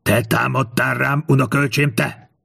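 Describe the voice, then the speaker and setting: A man voicing a frail old king who speaks hoarsely with strain in an audiobook. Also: fairly low pitch, fairly even intonation.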